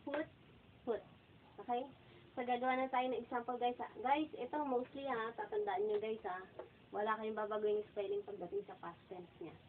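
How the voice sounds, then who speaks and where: A woman's voice: on the high side, fairly even intonation. Woman teaching grammar over a tinny line. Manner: keeps asking "okay?" and saying "guys"; repeats verb forms slowly and clearly. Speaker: English teacher. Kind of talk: casual online grammar lesson. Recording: tinny phone-like sound, faint noise.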